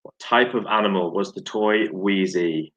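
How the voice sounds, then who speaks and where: A man and teacher reading out quiz questions loudly, with a dry, joking manner. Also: deep voice, measured pace, muffled recording. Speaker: teacher, guest quizmaster. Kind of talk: online quiz hosting.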